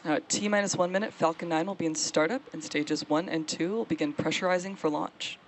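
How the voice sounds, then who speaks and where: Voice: medium pitch, fairly even intonation, brisk, slight background noise, poor audio. A launch webcast host giving explanatory live commentary on a rocket launch.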